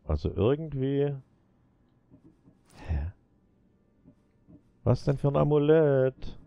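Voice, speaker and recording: A man's voice: medium pitch, big pitch swings, slow pace, vocal fry, no echo, dull audio. A man casually commenting while playing a video game, muttering to himself and talking to the characters on screen. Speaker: let's play gamer.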